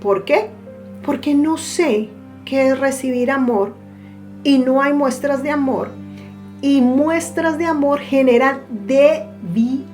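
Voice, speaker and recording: A woman giving a reflective spiritual teaching, speaking deliberately and stretching key words for emphasis. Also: high-pitched, a little mellow, faint music behind.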